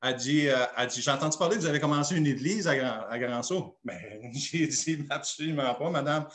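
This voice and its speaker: Québécois pastor telling a story, echoey room. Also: male voice, a little high, a little fast. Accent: Québécois French. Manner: lively anecdotal storytelling, acting out dialogue. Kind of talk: sermon storytelling. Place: church.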